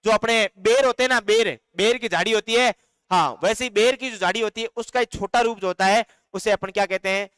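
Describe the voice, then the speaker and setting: A man with a Rajasthani accent teaches a live online class, pitching his voice high and speaking in a smooth, clear tone. He dictates notes at a slow pace, breaks into lines of folk songs, and answers comments from the chat. The recording is dry and close, with little room sound. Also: a bit bright, dry recording.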